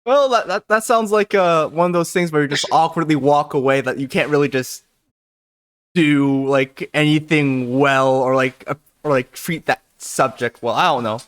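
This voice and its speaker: A man's voice: a little high, normal speed, a bit bright, smooth, no room sound, clean studio sound. A male podcast co-host chatting casually, hesitant and searching for words. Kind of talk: casual chat.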